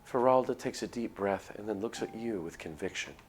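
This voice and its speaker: A streamer with a fairly low, fairly quick male voice reads a visual novel aloud. His narration is dramatic storytelling mixed with casual asides, with music playing under his voice.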